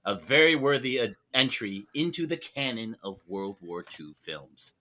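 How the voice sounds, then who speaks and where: A man co-hosting a podcast in casual chat, an animated storyteller who chuckles as he talks. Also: medium pitch, measured pace. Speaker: podcast co-host.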